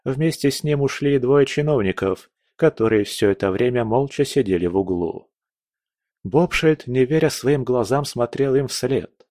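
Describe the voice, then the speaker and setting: A man narrating an audiobook in a steady, even storytelling manner. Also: medium pitch, normal speed, no echo, studio quality. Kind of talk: scripted narration.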